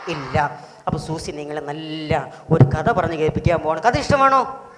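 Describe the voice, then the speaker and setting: A pastor hosting a children's Bible school, telling a story and quizzing the children with animated, rising questions. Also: male voice, fairly high pitch, normal speed. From Kerala, India. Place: auditorium. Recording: echoey hall with faint noise.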